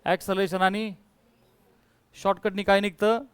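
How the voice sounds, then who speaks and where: A man teaching physics to a class, coaxing his students to answer louder and quizzing them step by step. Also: high voice, flat delivery, moderate pace, smooth, no room sound. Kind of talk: classroom lecture.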